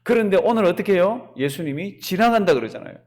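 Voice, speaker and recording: A man preaching in a church, his pitch sitting a little high and swinging widely. He keeps throwing rhetorical questions at the congregation and answers them himself. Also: quick pace. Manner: animated preaching with rhetorical questions and acted quotes. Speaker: pastor. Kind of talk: sermon. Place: church sanctuary.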